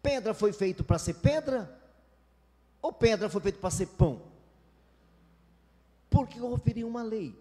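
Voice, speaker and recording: High-voiced Brazilian pastor preaching. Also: male voice, lively intonation, unhurried, pauses often, warm tone, in a large hall. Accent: Brazilian Portuguese. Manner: emphatic, acts out whiny complaining congregants. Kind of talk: sermon.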